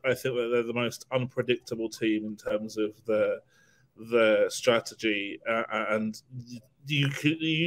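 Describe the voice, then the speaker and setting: Middle-aged guy on a webcam call chatting cricket, thinks out loud, little laughs. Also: mid-range voice, rough recording. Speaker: cricket panelist. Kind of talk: casual panel discussion. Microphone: video call webcam.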